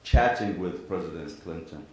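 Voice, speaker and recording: In a very echoey hall with faint background noise, a low-pitched imam gives a formal public address to a gathering. He is a man from Iraq and Kuwait with an Iraqi Arabic accent, clearing his throat frequently as he speaks in deliberate, measured phrases, pausing and repeating parallel sentences in the large indoor venue.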